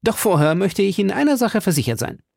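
A man voicing an eager, infatuated young swordsman who speaks in a flattering, fervent way. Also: high voice, brisk, gravelly, no echo, studio quality, pitched above the performer's own voice, exaggerated voice.

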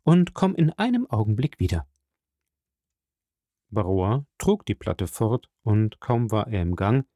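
A man narrating a classic novel as an audiobook, reading in a steady, measured storytelling voice. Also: on the low side, gravelly, dry recording, clean studio sound.

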